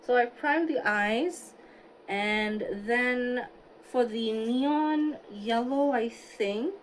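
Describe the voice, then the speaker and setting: A woman's voice: on the high side, very slow, a little hiss or hum, low-quality recording. A woman from Singapore livestreaming a makeup look, chatting casually and thinking aloud as she answers viewers. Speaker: beauty livestreamer. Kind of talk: casual livestream chat while doing makeup. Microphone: phone on a stand.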